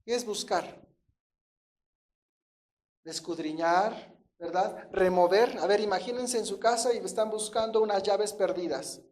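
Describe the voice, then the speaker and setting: A man's voice: sits high, measured pace, pauses often, darkish tone. A man preaching a sermon, questioning the congregation and answering himself in a conversational teaching tone. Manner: asks the congregation questions and answers them, often adding a checking "¿verdad?"; illustrates with everyday examples in a conversational teaching tone.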